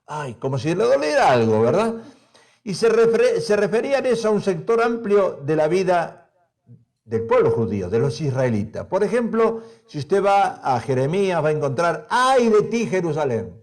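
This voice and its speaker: A male pastor preaching a sermon, animated and emphatic, repeating key phrases and calling on the congregation to answer back. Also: fairly high pitch.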